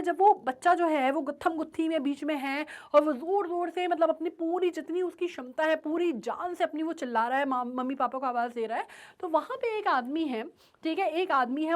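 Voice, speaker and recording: High-voiced teacher checking in often. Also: female voice. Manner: explains with frequent check-in questions; mixes Hindi and English terms. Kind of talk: chapter explanation lesson.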